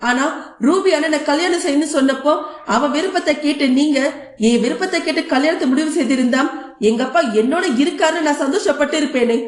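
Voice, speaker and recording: Woman voicing a hurt daughter grilling her dad, high voice, roomy echo, audio novel. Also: fast talker, close to an everyday voice. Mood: reproachful. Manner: reproachful, pleading questions. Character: hurt married daughter confronting her father.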